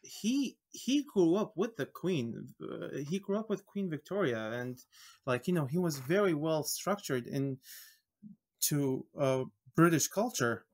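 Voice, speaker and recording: A man from Iraq, a guest on a podcast, talking casually and haltingly with many restarts while he searches for words. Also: a little high, expressive, darkish tone.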